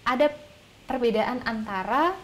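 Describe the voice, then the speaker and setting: A woman's voice: fairly high pitch, a little slow, a little hiss or hum. A woman in her thirties, a psychologist, explaining parenting earnestly in a casual discussion. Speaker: psychologist guest.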